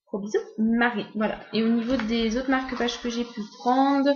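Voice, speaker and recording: A woman's voice: on the high side, fairly even intonation, moderate pace, roomy sound, muffled recording, slight background noise. A young woman vlogging casually, talking hesitantly with many fillers and restarts. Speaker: book vlogger. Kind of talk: casual vlog chat.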